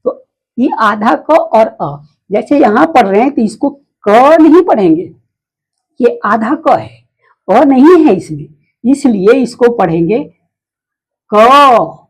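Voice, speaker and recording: A woman teaches letter sounds to beginners at a slow, patient pace. Her voice has a husky, breathy edge. She keeps repeating herself and quizzing the listener as she goes. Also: fairly high pitch, expressive, darkish tone, low-quality recording. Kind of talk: phonics lesson.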